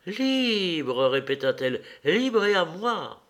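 A man's voice: sits high, sing-song, slow, fairly bright tone, pitched above the performer's own voice, exaggerated voice. A man raising his voice to play an ecstatic young woman in love. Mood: tender. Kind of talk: audiobook character reading.

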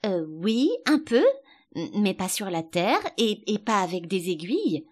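A woman's voice: mid-range voice, very animated, a little slow. A woman voicing a polite, curious little girl who talks eagerly and a little plaintively.

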